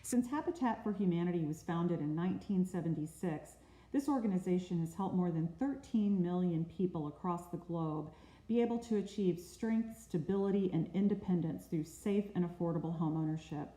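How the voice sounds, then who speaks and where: A woman's voice: lowish voice, normal speed, warm tone, reverberant, rough recording. A woman representing a corporate sponsor, giving prepared, polished remarks. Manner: polished, scripted.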